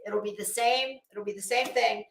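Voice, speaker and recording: A woman hosts an opinionated livestream, addressing viewers bluntly and scornfully, with emphatic repeated phrases for weight. Her medium-pitched voice is steady, fairly bright and touched with vocal fry, at a moderate pace in a reverberant space.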